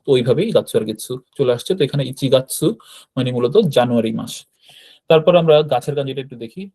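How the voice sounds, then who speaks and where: A man's voice: medium pitch, fast talker, warm tone. A man with a Bangladeshi Bengali accent giving a slide-based language lecture, explaining step by step with fillers and self-corrections. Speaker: Japanese language teacher.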